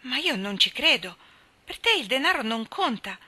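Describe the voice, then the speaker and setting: A woman reading the part of a loyal, gentle boy who pleads earnestly. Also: sits high, sing-song, moderate pace, slightly rough, pitched above the performer's own voice, exaggerated voice. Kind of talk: audiobook character reading.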